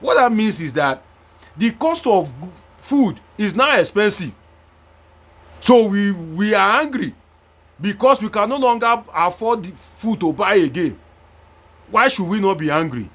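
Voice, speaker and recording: A Nigerian man giving animated political commentary, singing chants and mimicking voices, with loud bursts and hushed asides. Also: high-pitched, unhurried. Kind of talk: animated commentary mixing Pidgin and Yoruba.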